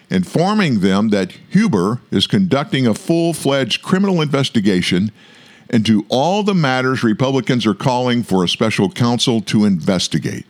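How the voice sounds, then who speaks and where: A man hosting an online political news commentary show, speaking emphatically with drawn-out stresses and asides to his listeners. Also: on the low side.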